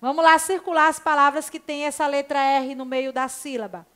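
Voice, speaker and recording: A woman's voice: high-pitched, flat delivery, fairly bright tone. A Brazilian woman teaching young children in a recorded lesson, spelling words out and asking short checking questions with patience. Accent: Brazilian Portuguese. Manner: slow, spelling words out letter by letter. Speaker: primary school teacher.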